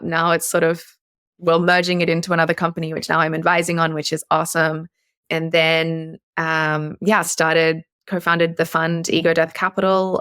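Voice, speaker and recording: A woman's voice: low voice, vocal fry, fairly bright tone, no room sound, studio quality. A woman from Australia, a guest investor on a podcast interview, chatty with many fillers and restarts.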